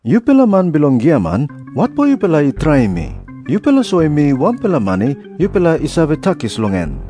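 A man's voice: fairly high pitch, huge pitch swings, a little fast, mellow, soft background music. A man with a Papua New Guinean accent playing a teacher telling parables in a dramatised scripture reading. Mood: firm teaching. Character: Jesus, an adult male teacher telling parables. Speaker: voice of Jesus in an audio Bible.

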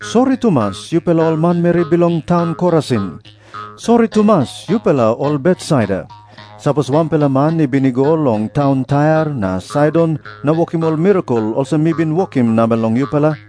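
A man with a Papua New Guinean accent playing an earnest prophet who preaches deliberately in a dramatised scripture reading. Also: on the high side, lively intonation, warm tone, faint music behind, natural voice. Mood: stern warning. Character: Jesus, earnest preaching prophet addressing crowds.

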